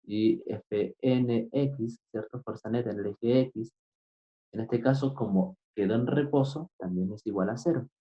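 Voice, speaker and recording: A man teaching physics, explaining a problem step by step and often pausing to ask his students if they follow. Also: medium pitch. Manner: keeps asking "right?" to check understanding; patient, step-by-step. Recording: dull lo-fi recording.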